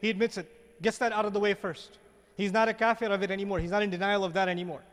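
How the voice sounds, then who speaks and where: High-voiced man lecturing in a reverberant hall. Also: little pitch movement, fast talker. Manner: rhetorical questions to the audience; repeats words while searching. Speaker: religious lecturer. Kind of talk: Quran commentary lecture.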